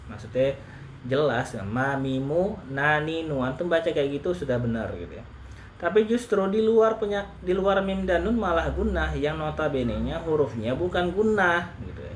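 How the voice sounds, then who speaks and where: A man teaching Quran recitation in a relaxed lesson, patiently repeating rules slowly and demonstrating letter sounds. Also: medium pitch, a little hiss or hum. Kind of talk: relaxed online tajwid lesson.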